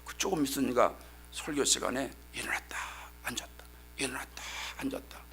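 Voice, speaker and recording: A middle-aged male pastor preaching a sermon, telling a story in an animated, emphatic way that sometimes turns to shouting. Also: mid-range voice, brisk, whispered.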